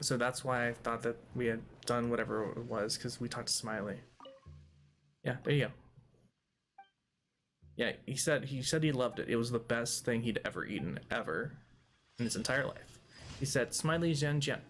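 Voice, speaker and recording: Man of ordinary pitch hosting a let's play; loose, joking commentary that chats with game characters. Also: a bit bright, slight background noise. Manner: jokey, rambling, talks to game characters. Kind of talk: casual gameplay commentary.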